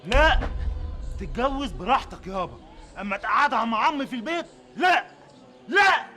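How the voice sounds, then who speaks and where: A man's voice: high voice, lively intonation, racing, a bit bright. A man acting a grown Egyptian son arguing with his father in a TV drama, agitated and pleading. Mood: protesting.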